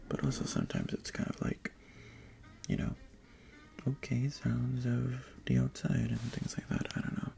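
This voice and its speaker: The recording is very noisy as a young adult ASMR creator whispers in Tagalog at medium pitch from a bedroom. The chatty, rambling talk often stops mid-sentence, punctuated by sudden breathy exclamations.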